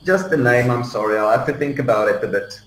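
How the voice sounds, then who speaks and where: A man's voice: mid-range voice, fast talker. A man in a tabletop game mulls over clues aloud. His voice sits mid-range and rings in an echoey room with a faint hiss. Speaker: player. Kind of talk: tabletop role-play as a player.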